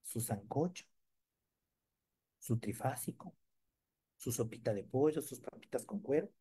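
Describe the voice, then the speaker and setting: A man's voice: medium pitch, unhurried, breathy edge. A man leading a live sales training demonstration, joking with and quizzing his audience. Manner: lively, jokes and quizzes the audience.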